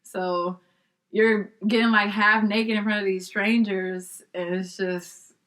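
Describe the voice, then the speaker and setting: Woman, young adult, podcast guest, casual storytelling, animated, quotes in other voices. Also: medium pitch, slow. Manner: animated, acts out quoted voices, laughs often.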